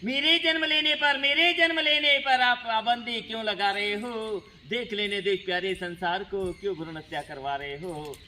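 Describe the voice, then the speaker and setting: A high unborn baby girl, put on by a man, pleads in recited rhyme. Her lines are spoken with the cadence of a stage poem. Plenty of noise from the school event sits behind her. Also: fairly even intonation, moderate pace, hardly any pauses, sharp tone. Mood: pleading. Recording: noisy school show recording.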